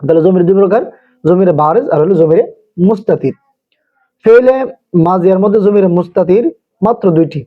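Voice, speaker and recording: A man's voice: sits high, a little fast, long pauses. A man with a Bangladeshi Bengali accent teaching Arabic grammar in a lecture style, going through each term methodically with examples and recaps. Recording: phone-like narrow sound.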